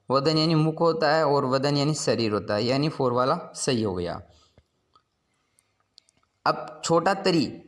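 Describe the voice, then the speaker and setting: A man's voice: a little high, fairly bright tone. A man teaching a school lesson, patiently explaining word meanings and repeating each point.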